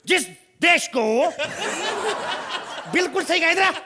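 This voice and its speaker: A man playing a brash, bullying politician in a stage comedy sketch, mocking and shouting insults. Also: very high-pitched, animated, measured pace, noisy background. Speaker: comic actor in a sketch. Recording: loud studio audience laughter.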